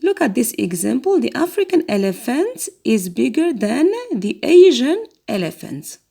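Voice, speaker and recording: Slow, patient woman teaching grammar. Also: on the high side, sing-song, gravelly, mellow, breathy edge. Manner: slow, patient, repeats words for students to copy. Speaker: English teacher. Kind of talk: grammar lesson for learners.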